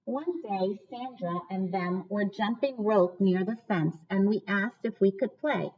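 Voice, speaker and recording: A woman reading a storybook aloud to children like a teacher, pausing to ask listeners questions. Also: medium pitch. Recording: dull, lo-fi sound.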